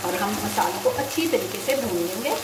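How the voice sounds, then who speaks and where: A woman's voice: mid-range voice, lively intonation, fairly quick. A woman hosting a cooking channel, patiently explaining each step and giving tips at her home stove. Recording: echoey kitchen, mic far off, loud sizzling noise. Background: frying and sizzling.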